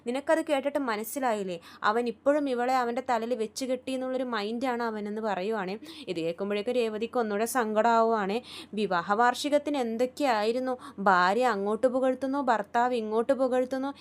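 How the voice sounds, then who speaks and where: A woman retelling a TV serial episode in a rapid, chatty way, with frequent restarts. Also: fairly high pitch. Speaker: serial recap vlogger.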